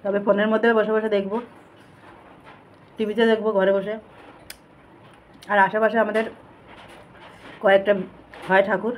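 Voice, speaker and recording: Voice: medium pitch, level tone, moderate pace, pauses often, phone-quality sound, a little hiss or hum. An eating vlogger, chatting casually to viewers at home with a mouth full of rice. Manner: chatty, talks straight to viewers between bites. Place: at home, at a meal table.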